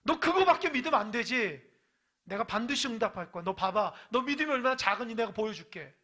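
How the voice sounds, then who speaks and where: A mighty, stern God who scolds loudly and throws out taunting questions, put on by a man in the middle of his sermon. The voice is husky and sharp-edged. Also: very high-pitched, animated, brisk, voice pushed up, heavily acted. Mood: rebuking. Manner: loud rebuking, taunting questions.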